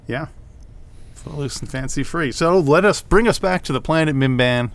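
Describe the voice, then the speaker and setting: A man co-hosts a podcast, chatting casually and dropping wry, teasing asides. His voice is fairly high-pitched and he speaks at a normal speed.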